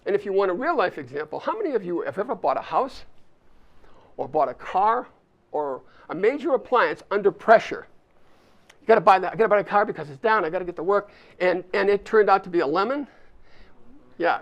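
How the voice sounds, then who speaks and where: An older man giving a chatty leadership talk to a live audience, walking them through a hands-on exercise. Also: high voice. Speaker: speaker at an alumni volunteer summit. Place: university event space with a live audience.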